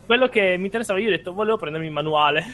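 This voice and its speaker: Higher-voiced man explaining things casually. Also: racing, fairly bright tone, soft background music. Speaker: podcast co-host. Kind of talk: casual chat.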